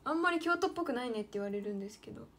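A woman's voice: on the high side, animated, rapid-fire, a bit bright. A woman in her late teens from Kyoto, with a Kyoto Kansai accent, chatting casually to herself and her viewers on a livestream while she draws. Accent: Kyoto Kansai dialect. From Kyoto, Japan. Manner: chatty, talks to herself, calls herself by name. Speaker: idol livestreamer.

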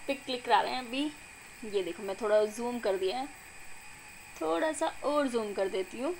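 Chatty young woman narrating, high voice. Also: normal speed, a little hiss or hum, low-quality recording. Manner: chatty, doting, excited. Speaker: vlogger, mother. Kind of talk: voice-over narration of family video. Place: recorded apart from the filmed scene.

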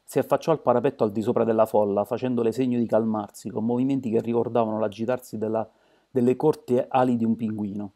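Male narrator for an amateur audiobook, measured reading, dark gravelly tone. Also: mid-range voice, fairly even intonation.

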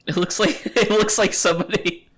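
A man's voice: sits high, steady tone, moderate pace, fairly bright tone. A man in a casual car chat, tossing in playful joking asides. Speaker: co-host.

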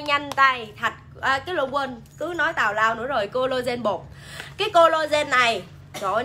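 A woman with a Southern Vietnamese accent hosts a chatty live sales stream, reading out viewer comments and pushing products. Her voice sits high and sounds bright and forceful, with a slight hiss or hum in the background.

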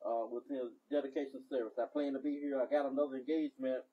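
A man's voice: mid-range voice, flat delivery, quick pace, distant mic. A man with a Southern US accent hosting a casual live stream, chatty and coaxing. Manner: chatty, coaxing, laughs easily. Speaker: community live-stream host. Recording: dull, husky sound from behind the camera.

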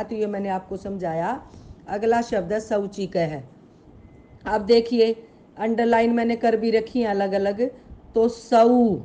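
A woman's voice: fairly high pitch, dark tone, slight background noise. A woman teaching Sanskrit in an online grammar lesson. She patiently spells out sounds, asks her pupils questions and calls them beta. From Haryana, India.

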